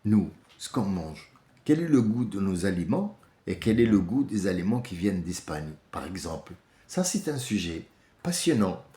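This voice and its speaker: A man with an Algerian accent delivering an emphatic, rousing monologue to his viewers, swinging between loud outbursts and low asides. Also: very animated, moderate pace, reverberant. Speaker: vlogger. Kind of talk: impassioned monologue to camera.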